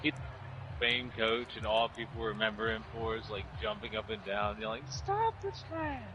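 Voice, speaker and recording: A young man playing a football video game, chatting excitedly and nervously. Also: on the low side, moderate pace, highs cut off, noisy background. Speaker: gamer. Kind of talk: casual gaming banter.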